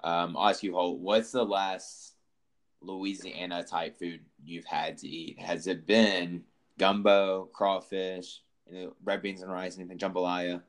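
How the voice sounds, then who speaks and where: A man's voice: low voice, flat delivery, a little slow. A man hosting a casual sports podcast, asking easygoing, rambling questions. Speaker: podcast host.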